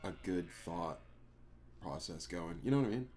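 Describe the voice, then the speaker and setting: Deep-voiced man rambling on a stream. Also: expressive, moderate pace, a little mellow. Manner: rambling, scatterbrained, many fillers and restarts. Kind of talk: casual live-stream gaming chat.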